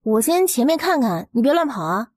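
A woman playing a spirited, practical young heroine in a historical romance drama, brisk and forthright. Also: sits high, big pitch swings, darkish tone, breathy edge, dry recording, clean studio sound, heavily acted. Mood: flustered. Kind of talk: historical audio drama dialogue.

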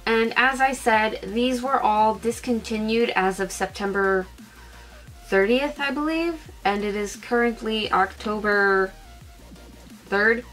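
A woman's voice: a little high, takes it slowly, a bit bright, faint music behind. A young woman chatting as a beauty vlogger, bubbly and gushing, her talk full of "like" and "freaking". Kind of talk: casual chat.

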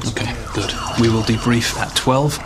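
An actor playing a commanding senior police detective with a British accent in a TV drama. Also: male voice, mid-range voice, normal speed, natural voice. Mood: businesslike. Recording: music under the dialogue.

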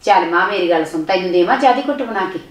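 A young woman playing a married daughter who gently soothes and coaxes her mother. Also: fairly low pitch, lively intonation, very fast, recorded from a distance, natural voice. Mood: soothing. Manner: soothing, coaxing. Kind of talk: village drama acting. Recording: echoey room, voice off-mic.

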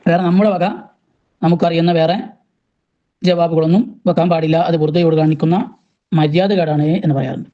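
A man from Kerala teaching a religious class, chanting poem lines slowly and explaining them through repeated questions and answers. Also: fairly high pitch, steady tone, lo-fi sound.

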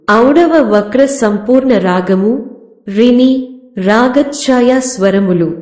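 A woman reading a scripted music lesson in a slow, measured recital of terms and lists. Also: on the high side, mellow, echoey room. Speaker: music teacher. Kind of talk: scripted lecture on a raga.

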